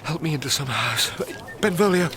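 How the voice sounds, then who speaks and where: A man's voice: on the high side, expressive, moderate pace, a crowd in the background, close to an everyday voice. Faint, dying young gallant Mercutio, acted by a man. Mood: bitter, failing. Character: Mercutio, wounded, bitterly cursing young gallant. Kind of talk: classical Shakespearean radio drama acting.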